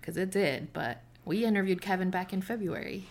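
A woman's voice: mid-range voice, brisk. A woman co-hosting a casual podcast, chatting in a playful, teasing way. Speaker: podcast co-host.

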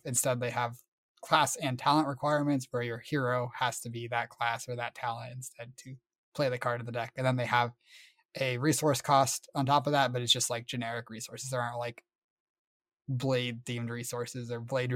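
A man co-hosting a podcast, explaining in a relaxed, casual way with filler words. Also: medium pitch. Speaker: podcast co-host. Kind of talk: casual chat.

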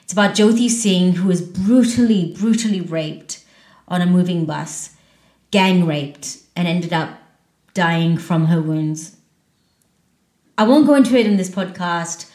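A woman's voice: lowish voice, unhurried, a little mellow. Earnest woman podcast host, roomy sound. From born in northern England, raised in India. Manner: earnest and heartfelt. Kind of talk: solo podcast introduction. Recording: roomy echo.

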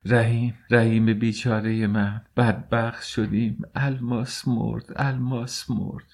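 A man's voice: mid-range voice, a little mellow, voice pushed up, lightly acted. A man voicing a grief-stricken middle-aged mother who wails and laments in an audiobook. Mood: wailing. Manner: keening, lamenting cries.

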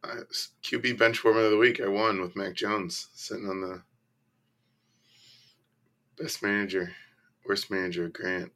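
Man, croaky and creaky at phrase starts, low pitch, casual blunt podcast guest. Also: little pitch movement, unhurried, pauses often, fairly bright tone. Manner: blunt, profane. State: hoarse, croaky voice. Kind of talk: casual fantasy football chat.

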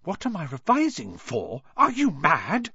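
Storybook swot girl, as a male reader puts her on: high, fussy, snappish. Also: wildly swooping pitch, a little slow, pushed and bright, husky, dry recording, highs cut off, heavily acted. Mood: exasperated. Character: bossy, anxious studious schoolgirl.

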